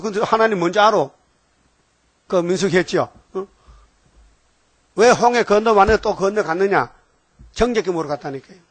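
A man's voice: on the high side, dry recording. An older man preaching a folksy sermon, telling homely stories and often asking the congregation "eh?" for agreement.

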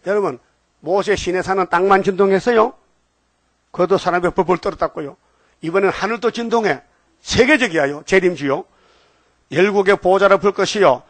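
A high-pitched older man delivers a sermon with a teasing, homespun manner, constantly calling out to his listeners for a reply. The recording is close and dry, with no room sound. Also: a bit bright, no room sound. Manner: folksy, teasing, call-and-response with congregation. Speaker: pastor.

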